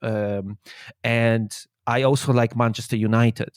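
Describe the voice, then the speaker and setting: A man's voice: mid-range voice, fairly even intonation, unhurried, clear, resonant tone, no room sound. Guy, 30s, chatting on a call, keeps restarting his words, dry close sound. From Poland. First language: Polish. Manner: hesitant, repeats words while finding his thoughts. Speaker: guest, urban explorer and maths teacher. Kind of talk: casual interview chat.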